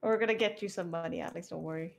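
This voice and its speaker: A woman's voice: fairly low pitch, creaky, a little hiss or hum. A woman playing a co-op game with friends, chatting casually and playfully. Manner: playful, quick to laugh. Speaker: co-op game player. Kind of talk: casual gaming chat with friends.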